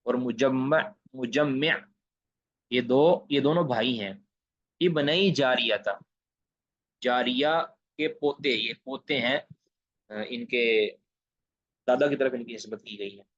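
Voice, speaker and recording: A man's voice: mid-range voice, long pauses, fairly bright tone, no room sound. Emphatic man lecturing over a dull online call. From Pakistan. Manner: emphatic, repeats key phrases while translating Arabic line by line. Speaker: Islamic studies lecturer. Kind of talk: online lecture explaining hadith in Urdu. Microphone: video call. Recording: dull lo-fi online class audio.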